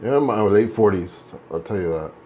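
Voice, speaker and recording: Here the forty-something vlogger sounds livelier, his fairly low, dark voice moving a little fast as he shaves and chats. Easygoing and rambling, he keeps correcting himself, and there's a touch of hiss or hum.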